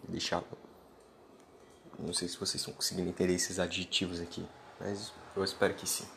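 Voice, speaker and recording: A man's voice: deep voice, monotone, a little fast, vocal fry, fairly bright tone. A man speaks into a close podcast mic. He lectures bluntly and informally, talking straight at the listener in a solo monologue. A faint hum of ambient noise sits under his voice. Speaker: podcast host.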